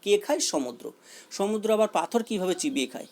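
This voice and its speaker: A man's voice: high-pitched, lively intonation, brisk, gravelly, darkish tone. A man teaching a school English poem, repeating key words and mixing English terms into his explanation.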